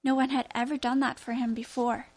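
A woman narrating a children's story aloud in a clear, even reading manner. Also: high-pitched, a little fast, a little hiss or hum.

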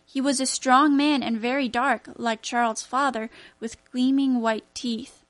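High-voiced woman reading a storybook. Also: steady tone, a little slow. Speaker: narrator. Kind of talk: storybook read-aloud.

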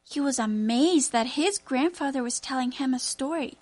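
High-voiced woman reading a storybook. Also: moderate pace, darkish tone. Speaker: narrator. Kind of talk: storybook read-aloud.

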